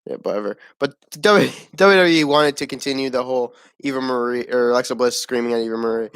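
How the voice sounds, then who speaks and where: A man's voice: mid-range voice, fast talker, fairly bright tone, clean tone, dry recording, studio quality. A man giving a casual, opinionated wrestling review, rambling, swearing and laughing at the show.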